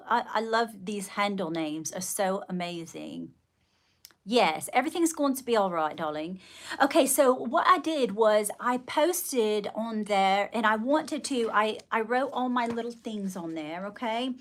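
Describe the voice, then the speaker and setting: A middle-aged woman hosting a casual livestream, chatting with viewers in an effusive, endearing way. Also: medium pitch. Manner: effusive greetings and terms of endearment. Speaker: livestream host.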